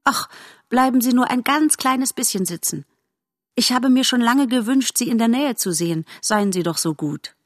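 A woman's voice: on the high side, expressive, moderate pace, no echo, clean studio sound, pitched above the performer's own voice. A woman voicing a young, polite male fawn in a storybook, eager and modest. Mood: admiring.

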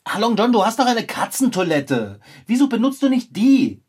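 A woman's voice: a little high, sing-song, moderate pace, darkish tone, slightly rough. A woman voicing a good-natured, easily flustered male bicycle mechanic who chatters and laughs nervously. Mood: schimpfend. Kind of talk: hobby audio drama acting.

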